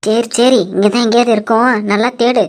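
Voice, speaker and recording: A woman with a fairly high voice plays a brisk, bossy village woman in a cartoon. She talks sharply and briskly, scolding and ordering people about. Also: fairly even intonation, heavy background noise. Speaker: cartoon narrator and voice actor. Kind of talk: cartoon voice acting.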